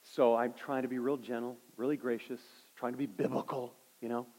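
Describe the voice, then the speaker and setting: A middle-aged male pastor preaching a sermon, swinging from loud emphatic points to hushed, quiet stories. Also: mid-range voice, level tone, brisk. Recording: dull lo-fi sound with hall reverb.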